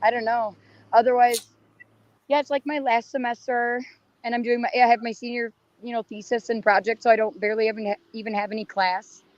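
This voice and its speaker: A young adult woman chatting casually as a caller, her voice hoarse and raspy as if she is losing it. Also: fairly high pitch, fairly even intonation, a little fast. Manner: raspy, strained talk. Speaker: caller, college student. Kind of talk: casual chat. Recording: dull lo-fi online audio.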